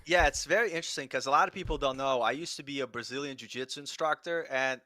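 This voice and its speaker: A middle-aged man, a developer and content creator, guests on a casual livestream. He talks informally and enthusiastically at a quick pace, his mid-range voice pushed and bright, often saying "like" and "you know".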